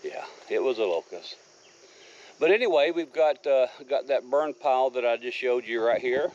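A man walks his rural wooded land with a handheld camera, showing off his homestead in a casual, folksy ramble. His mid-range voice is a little mellow, with lively intonation at a moderate pace. Crickets and insects chirp through the slightly dull outdoor recording.

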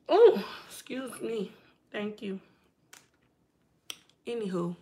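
A woman's voice: on the high side, very noisy. A woman hosting a casual live stream from home, chatting to viewers and to her houseplants. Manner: slow, chatty, talks to her plants and to viewers reading comments.

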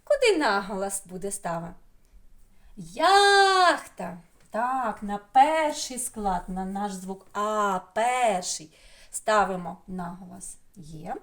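A woman's voice: medium pitch, slow. A woman with a Ukrainian accent teaching young children online, stretching out syllables in a sing-song way. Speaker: preschool teacher.

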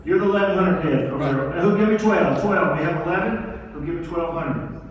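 A man working as a charity auctioneer, calling out bids briskly and coaxing the crowd to raise them. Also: on the high side, muffled recording. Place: large hotel ballroom. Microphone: handheld mic, filmed from far back. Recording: echoey ballroom from far off.

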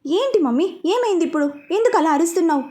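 A woman's voice: very high voice, animated, fast talker, warm tone, voice pushed up. A woman playing a bossy, sassy younger sister. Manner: bossy and sassy, giving orders.

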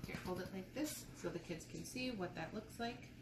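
A mother in her thirties co-hosts a candy review with her child, sitting at a table in a room at home. She chats casually in a lowish voice at a moderate pace, explaining things and asking simple questions. The phone-camera recording is roomy and noisy.

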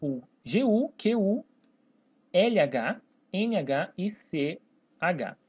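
Very slowly and in a husky, sing-song mid-range voice, a Brazilian-accented Portuguese teacher walks through a grammar lesson on a whiteboard. They stretch words into separate syllables and check in over and over with "né?" and "tá, pessoal?". The sound is dull and lo-fi.

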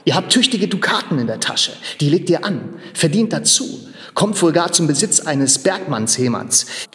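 Man voicing a stern old miner, persuasive, indignant, fairly high voice, echoing workshop hall. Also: very animated, normal speed, a bit bright. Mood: urging. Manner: urging, grave, at times angry. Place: large machine workshop hall in a theater. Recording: long reverb of a large hall.

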